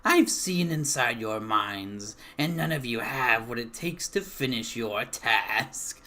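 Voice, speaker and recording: A man's voice: medium pitch, lively intonation, slow, bright, forceful tone. A man voicing a mocking old hag villain in a tabletop game, taunting theatrically with a cackling delivery. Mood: mocking, gloating.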